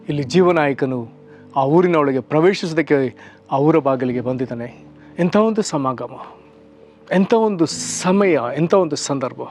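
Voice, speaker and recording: A man preaching a short devotional sermon, earnest, slowing and stretching phrases for emphasis. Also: on the high side, highs cut off. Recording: soft music underneath.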